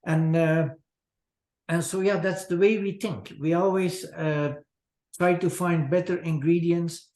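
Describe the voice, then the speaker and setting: An older man from Belgium, a chocolatier, talking in a halting, casual way with many fillers over a video call from an office. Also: a little high, fairly even intonation, darkish tone, echoey room. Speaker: chocolatier guest. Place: office with large window. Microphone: video call webcam.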